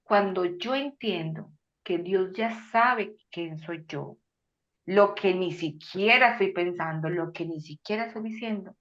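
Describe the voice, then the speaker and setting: A woman speaks on a faith podcast in a somewhat low voice, animated and expressive, jumping into quoted voices with bursts of loudness. The audio is dull and lo-fi. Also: measured pace. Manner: animated, acts out quoted voices with sudden loud exclamations. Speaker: guest speaker. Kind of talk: faith-based podcast conversation.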